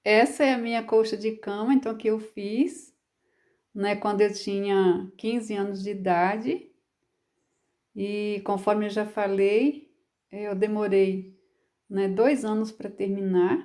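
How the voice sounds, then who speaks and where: A woman's voice: mid-range voice, steady tone, slow pace, dark tone. A woman in her fifties chatting casually to camera as a crochet vlogger, homely and full of little tag questions. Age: 50s. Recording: echoey room.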